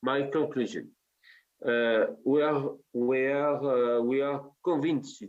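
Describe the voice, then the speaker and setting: A man with a French accent speaks slowly and haltingly, filling gaps with pauses as he gives a formal conference presentation. His English is careful, and his voice comes through dull, lo-fi audio. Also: mid-range voice. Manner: halting, many hesitations.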